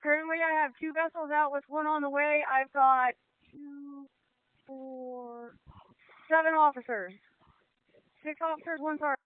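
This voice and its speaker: A woman's voice: high-pitched, fairly even intonation, unhurried, long pauses, no echo. A woman speaking as a harbor police officer over two-way marine radio. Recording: narrow, phone-like radio channel.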